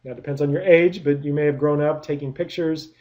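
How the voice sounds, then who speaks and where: A man's voice: fairly high pitch, steady tone, fast talker, highs cut off. A man giving a recorded business lecture, explaining step by step with many rhetorical questions and frequent restarts. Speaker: product management lecturer.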